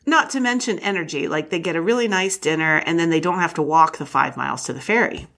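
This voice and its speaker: A woman's voice: fairly low pitch, fast talker, gravelly, fairly bright tone. A woman co-hosting a podcast, chatting casually and enthusiastically about a book, laughing often. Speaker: podcast co-host.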